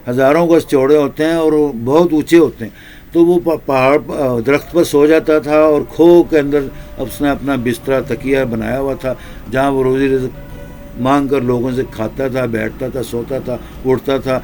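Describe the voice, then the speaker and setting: A man preaching in a slow, repetitive storytelling manner with drawn-out pauses. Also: medium pitch, a little mellow. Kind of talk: storytelling sermon.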